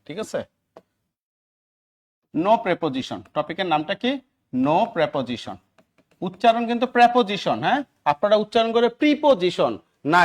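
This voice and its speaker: Bangladeshi guy teaching english prep class, high voice, keeps asking "ok?" to the students. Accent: Bangladeshi Bengali. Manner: drills students with repeated check-ins. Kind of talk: classroom lecture.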